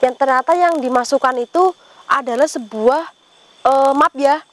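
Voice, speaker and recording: Super high-pitched woman doing a ghost hunt vlog, asks questions out loud, repeats answers for viewers, lots of pious exclamations. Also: normal speed. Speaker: paranormal vlogger relaying a spirit. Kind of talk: ghost-hunting vlog talk.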